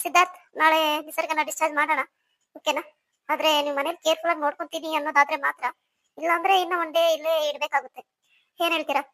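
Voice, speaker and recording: A woman's voice: sits high, flat delivery, very fast, gravelly, a bit bright, pitched below the performer's own voice. A woman voicing a matter-of-fact hospital doctor giving instructions in a cartoon story. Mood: businesslike.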